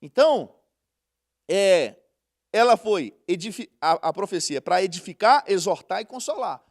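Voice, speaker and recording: A man teaching a Bible study lesson in a conversational way, reading scripture slowly and telling anecdotes. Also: high voice, animated.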